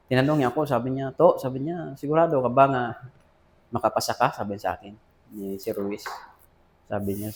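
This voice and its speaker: Speaking in a relaxed interview, a Filipino-accented army officer looks back on his career, frequently saying sir and reenacting old dialogue. He has a mid-pitched, slightly mellow voice.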